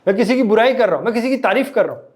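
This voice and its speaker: A man's voice: high voice, expressive, rapid-fire, darkish tone. A man lecturing a live class, often quizzing his listeners and mixing in English phrases. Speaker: meditation and emotions teacher.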